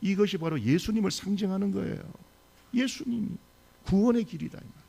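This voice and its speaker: A man's voice: high-pitched, fast, creaky, dark tone, breathy edge. A male pastor preaching a sermon in a church service, telling a story with animation and putting questions to the congregation.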